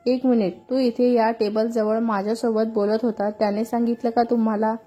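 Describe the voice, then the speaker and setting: A hot-tempered young woman, sharp-tongued and irritated, firing back at everyone, as a female narrator plays her. Her voice is fairly high, husky and soft-toned, read as a storybook character. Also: level tone, moderate pace, close to an everyday voice. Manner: irritated, snapping.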